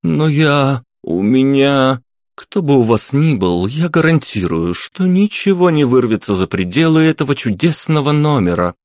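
A man's voice: medium pitch, lively intonation, a little slow, a little mellow, no room sound, clean studio sound, voice pushed up, close to an everyday voice. A man voicing a brash, self-assured young companion in an audiobook, mocking and coaxing in tone.

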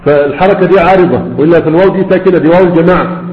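Man, Egyptian accent, teacher, rapid classroom talk, asks himself questions, echoey room. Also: a little high. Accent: Egyptian Arabic. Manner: explains step by step, asks and answers his own questions. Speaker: grammar teacher. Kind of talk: classroom lesson. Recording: echoey hall over tinny phone-like sound.

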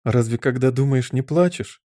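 A man's voice: mid-range voice, normal speed, warm tone, dry recording, studio quality, close to an everyday voice. A man voicing an earnest, curious little girl of seven in an audiobook. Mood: incredulous. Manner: earnest, questioning.

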